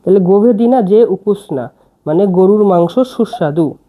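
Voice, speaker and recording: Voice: mid-range voice, lively intonation, normal speed, warm tone. A teacher giving a language lesson, spelling each word out letter by letter and repeating every phrase.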